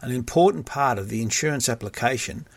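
A man's voice: medium pitch, lively intonation, a little fast, vocal fry, slightly rough, dry recording. A man reading a scripted announcement as a club coordinator. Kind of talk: scripted announcement read aloud.

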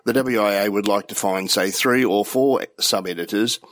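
An older Australian man whose voice sounds nasal and blocked from a cold. His low voice comes across dry and close, with no room around it. He reads his report steadily. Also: normal speed, fairly bright tone, no echo. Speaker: radio club official giving a news report. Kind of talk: read news commentary.

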